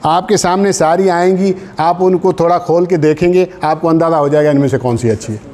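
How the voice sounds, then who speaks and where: Speaking fairly quickly in a steady, darkish voice on the high side, this man offers informal exam advice in a classroom lecture. He has a Pakistani accent and is from Sindh, mixing in English terms and phrases and checking in with brief tags as he instructs.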